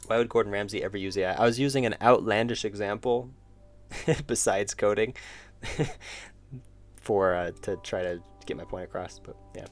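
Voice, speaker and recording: This indie game developer streams himself drawing and chatting casually, his voice on the low side and his pace moderate. Thinking aloud with chuckles and restarts, he's losing his voice as it wears out.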